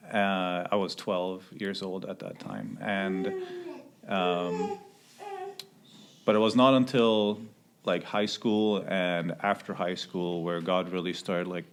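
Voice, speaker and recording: Low-voiced man, hesitant. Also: a little hiss or hum. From Sweden. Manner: hesitant, many fillers and restarts. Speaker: missionary pilot. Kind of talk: interview answers.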